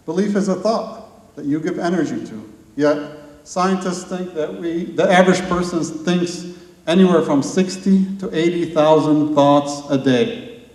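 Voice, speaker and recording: A conference speaker addresses a live audience in a large hall, posing rhetorical questions and building long, repetitive lists. His voice is fairly high and a little mellow, his delivery unhurried, and the recording is echoey and distant.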